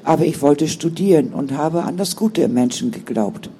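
A man's voice: on the high side, expressive, normal speed, warm tone, slight background noise. A man voicing a firm, caring older sister who speaks in an earnest, sometimes stern way. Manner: stern then soothing, earnest.

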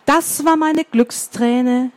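Woman voicing a gentle, soft-spoken unicorn. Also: sits high, slow. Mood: tender.

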